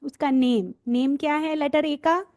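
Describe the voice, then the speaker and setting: Slow, high-voiced woman teaching phonics. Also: steady tone, a little mellow, dry recording, studio quality. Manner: slow, drawn-out letter sounds with repetition. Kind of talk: explanatory lesson for parents and teachers.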